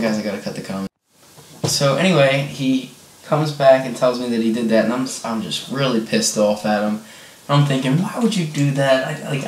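A man's voice: lowish voice, distant mic, slight background noise. A man casually telling a story over gameplay as a gaming channel host, rambling with lots of fillers and correcting himself. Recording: roomy sound, a bit off-mic.

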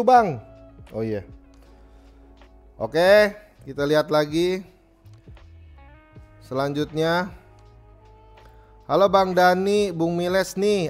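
A man, a livestream host who reads viewer messages and gives joking, slangy advice. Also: sits high. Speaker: streamer reading viewer messages. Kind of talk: casual livestream chat.

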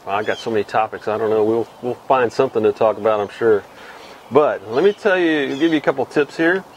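A middle-aged Texan man hosts a casual fishing report to camera outdoors, standing in front of a cluttered shed wall and rambling with many fillers and restarts. His mid-range voice moves a little fast, and the rough recording carries a little hiss or hum.

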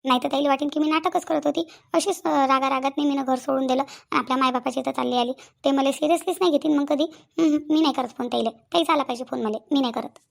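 A woman's voice: high voice, steady tone, quick pace, creaky. A woman voicing a sulky, stubborn young wife. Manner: complaining, repeats herself. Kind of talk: cartoon voice acting.

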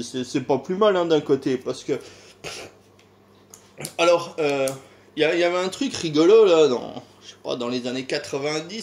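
A man's voice: on the high side, a little mellow. A middle-aged man with a French accent, rambling in a casual video monologue, full of sighs, fillers and rhetorical questions. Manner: hesitant, lots of filler sounds and sighs. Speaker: YouTuber.

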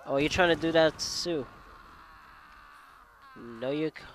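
A man's voice: on the high side, slow pace, fairly bright tone, slight background noise. A man giving crude, joking let's play commentary, swearing at enemies. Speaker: gamer.

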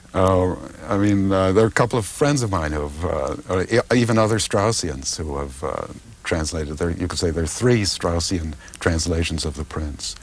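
Older man, very deep low voice, hesitant and reflective, interview answers. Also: moderate pace. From United States. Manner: thoughtful, hesitant, many fillers and restarts. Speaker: political philosopher and translator.

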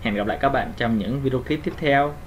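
A man's voice: medium pitch, brisk. A man teaching English pronunciation in a patient, repetitive way, checking in with learners often. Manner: patient, repeats sounds, checks with "right?". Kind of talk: pronunciation lesson.

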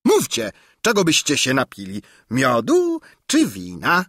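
A man's voice: medium pitch, wildly swooping pitch, measured pace, a bit bright, dry recording, studio quality, pitched above the performer's own voice, exaggerated voice. A man voicing a cruel, hot-tempered tyrant king who shrieks out orders in an audiobook. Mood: hearty, boastful. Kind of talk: audiobook character voice.

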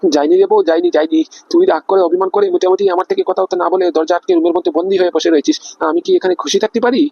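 A man voicing a gravelly, coaxing cartoon husband. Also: high-pitched, big pitch swings, racing, warm tone, no room sound, dull audio, full character voice. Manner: coaxing, rambling, full of fillers. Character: fussing, coaxing middle-aged cartoon husband. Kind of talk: cartoon comedy voice acting.

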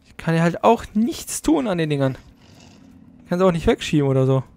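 A let's play commentator talks through a puzzle live. Their voice turns soft and soothing when coaxing the companion creature. Between prompts they wonder aloud what to do next, with mild, muttered frustration. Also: mid-range voice, very animated, a little fast, gravelly.

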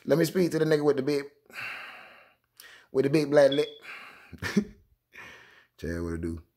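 A young man from Jacksonville, Florida, reacting to basketball clips in loud, profane casual talk. His voice is husky and swings widely in pitch as he keeps breaking into excited shouts. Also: normal speed. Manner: loud, excitable, swears a lot, bursts into shouts.

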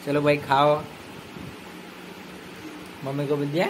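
At home in a small room, a vlogging dad in his thirties teases his young son in a chatty, playful clip filmed on a phone at arm's length. His voice is a little high, slow and monotone, and background noise is plainly audible.

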